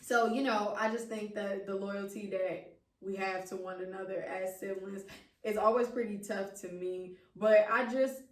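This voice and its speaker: A woman's voice: medium pitch, fairly even intonation, normal speed. Chatty young woman hosting, echoey room. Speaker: podcast host. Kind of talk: casual chat. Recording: roomy sound from a distant mic.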